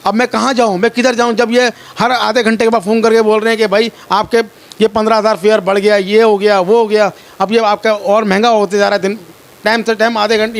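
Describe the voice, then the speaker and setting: A man from Pakistan telling his ordeal to a reporter, distressed and pleading, often repeating himself. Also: high-pitched. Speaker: complainant telling his story. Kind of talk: personal account to a reporter.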